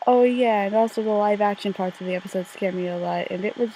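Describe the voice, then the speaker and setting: A woman speaks from under a blanket in a bedroom, with faint noise on the amateur recording. Her delivery is deadpan and a little bored, with a medium pitch. She narrates casually like a homemade video, poking fun at herself and tripping over words now and then. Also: fast talker, poor audio. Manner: deadpan, slightly bored-sounding; self-deprecating, stumbles over words. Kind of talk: casual scripted commentary, childhood reminiscence.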